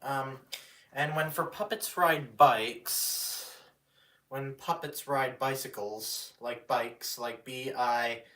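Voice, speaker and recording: A man chatting casually on a live stream, halting and restarting often as he talks about his puppets. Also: medium pitch, fairly even intonation, a bit bright. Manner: halting, many restarts and fillers. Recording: roomy echo, mic at a distance.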